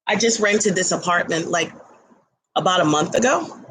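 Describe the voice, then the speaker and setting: A woman hosting a casual livestream from her home kitchen, chatting to viewers between bites, talking loudly toward a laptop mic across the room. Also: fairly low pitch, moderate pace, a little hiss or hum, low-quality recording. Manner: chatty, eats while talking; talks loudly to carry to the laptop. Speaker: livestream host.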